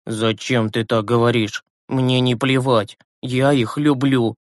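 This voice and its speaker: A man reading an audiobook who voices a weary, grieving teenage boy, low and slow. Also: little pitch movement, dry recording, studio quality, natural voice. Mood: strained. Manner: low, slow, exhausted, withdrawn.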